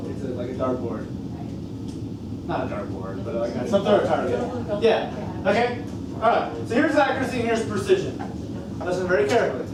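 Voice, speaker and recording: A man with a North Dakota accent teaching a class, explaining step by step and often checking in with short questions. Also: high-pitched. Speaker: science teacher. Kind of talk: classroom lecture with questions to students. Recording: echoey classroom from far off, noisy.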